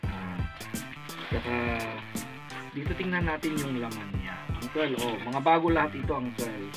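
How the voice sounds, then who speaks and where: A man with a Filipino accent, talking to a girl and her grandfather as he hands out gifts on a vlog, warm and coaxing, slipping in English words. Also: mid-range voice, lively intonation, moderate pace, rough recording. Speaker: vlogger handing out donated goods. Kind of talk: casual talk to family and camera. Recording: music playing loudly behind.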